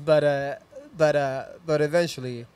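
A crowd can be heard in the background as a man with a slightly high voice speaks at normal speed with fairly even intonation. In his thirties and Mexican-accented, he hosts a live music stream from a small decorated indoor studio, chatting loosely and giving shout-outs into a handheld mic while upbeat and rambling, plugging sponsors and socials.

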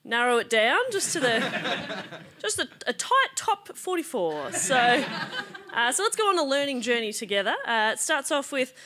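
A young woman doing a stand-up comedy routine on a TV studio stage, talking into a handheld mic with deadpan, sardonic asides. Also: sits high, normal speed, background noise. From Australia. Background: audience laughter.

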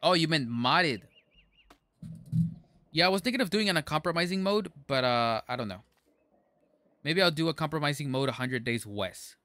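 A man casually commenting on his gameplay to his chat, excitable, with sudden outbursts and stammers. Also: a little high, moderate pace, pauses often, no room sound. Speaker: gaming streamer.

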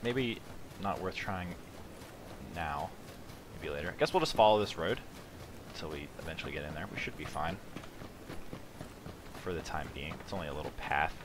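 A man's voice: rumbling low, moderate pace, long pauses, background noise. A man hosting a casual let's play, thinking aloud with rambling, self-mocking asides. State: sleepy, yawning at the start. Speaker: gaming channel host.

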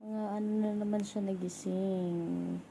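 A woman's voice: mid-range voice, level tone, measured pace, vocal fry, warm tone, slight background noise. A young mother vlogging at home, cooing baby talk to her little child. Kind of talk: casual family vlog.

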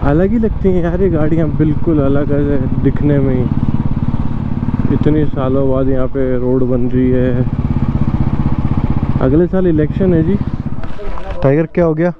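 A man's voice: fairly high pitch, fairly even intonation, measured pace, long pauses. A man casually narrating a motorcycle vlog to his viewers while riding through city roads. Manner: chatty, addresses viewers informally. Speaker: motovlogger. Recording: tinny, with loud traffic and wind noise.

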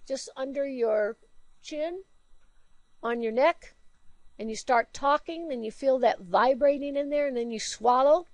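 A woman teacher gives a recorded slide lecture in a darkish voice, and the low-quality recording has no room sound. She's chatty, explaining with everyday examples and questions, and says she sings as a low alto.

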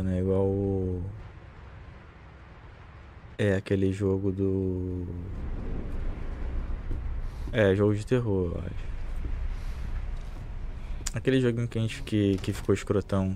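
Low-voiced Brazilian man streaming a game. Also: steady tone, a little slow, pauses often, dark tone. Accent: Brazilian Portuguese. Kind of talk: casual live game commentary. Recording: clear game noise behind voice. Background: video game ambience.

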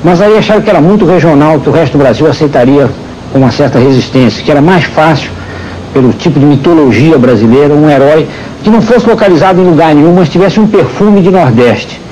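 A man's voice: fairly high pitch, expressive, quick pace, darkish tone. A man who writes radio serials, reminiscing in an interview. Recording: dull, faintly noisy interview recording.

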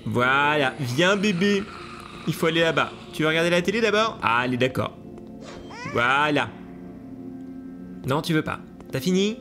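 A man commentating a video game to his viewers, excitable and laughing often, with hiccups. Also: on the high side, moderate pace, pauses often, music in the background. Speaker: gaming YouTuber. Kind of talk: let's play commentary.

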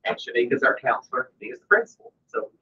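A man's voice: fast talker, bright, forceful tone, highs cut off. A man, the school principal, giving an upbeat and informal staff update at a board meeting. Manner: upbeat, informal, many fillers. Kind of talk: status report at a meeting. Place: conference room.

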